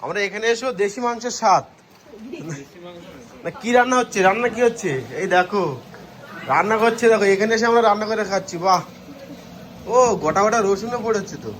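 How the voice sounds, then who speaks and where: A man with a high-pitched voice narrates a casual travel vlog outdoors beside a river. He talks in a chatty, excited way straight to his viewers. Faint noise from outside sits behind him. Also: fairly quick, pauses often. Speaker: travel vlogger.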